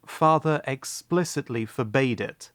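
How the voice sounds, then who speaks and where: A man's voice: medium pitch, a little slow, fairly bright tone, no echo, studio quality, natural voice. An actor playing a young prince who fears his father, laughing nervously and then giving firm orders in a fantasy audio drama. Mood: commanding. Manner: nervous laughing, turns commanding.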